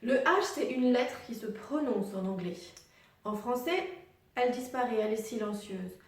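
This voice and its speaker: A woman teaching English pronunciation online, spelling out letter sounds slowly and patiently and putting questions to the viewer. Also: fairly high pitch, recorded from a distance. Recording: very echoey room, voice set back from the mic.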